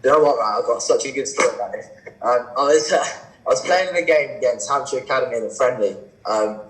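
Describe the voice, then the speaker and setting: A man in his twenties, a cricketer as podcast guest, telling stories in a casual, animated way and acting out quoted exchanges. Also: mid-range voice, fast talker. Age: 20s. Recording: roomy echo.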